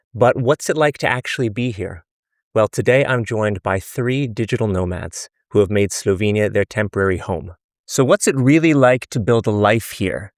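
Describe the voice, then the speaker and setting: Low-voiced male podcast host. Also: no room sound, clean studio sound. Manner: friendly, conversational questioning. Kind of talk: podcast interview.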